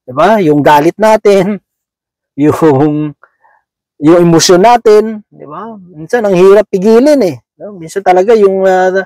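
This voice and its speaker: A man's voice: sits high, measured pace, mellow, dry recording, rough recording. A man preaching a sermon in a conversational way, checking in with his listeners after nearly every phrase.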